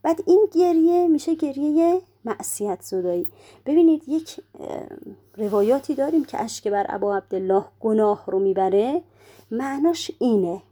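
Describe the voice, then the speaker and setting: A woman's voice: high-pitched, lively intonation, mellow. A woman giving a religious lecture, explaining step by step and posing rhetorical questions that she then answers herself. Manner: slows down to recite prayer quotations.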